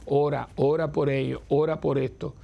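A man's voice: fairly high pitch, flat delivery, normal speed, gravelly, dull audio. An older man, a priest giving an informal spiritual talk in a conversational, chuckling way that often stops and restarts. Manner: conversational, self-interrupting, chuckling.

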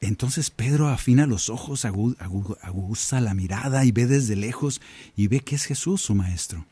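Husky-voiced man leading prayer. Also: mid-range voice, normal speed, no echo. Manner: animated, acts out quoted voices, addresses listeners as brothers and sisters. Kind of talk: prayer reflection addressed to listeners. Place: own recording studio.

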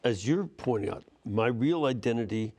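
A Polish American man, a priest hosting the show, responding thoughtfully and at a measured pace. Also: mid-range voice, animated, mellow. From United States, Polish American. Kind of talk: reflective conversational interview.

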